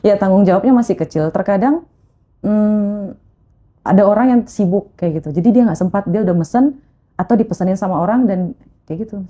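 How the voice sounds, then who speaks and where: A woman's voice: medium pitch, brisk, highs cut off. A woman guest in a casual interview, telling her own story with emotion and acting out the voices of the people in it. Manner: emotional, animated retelling with quoted voices.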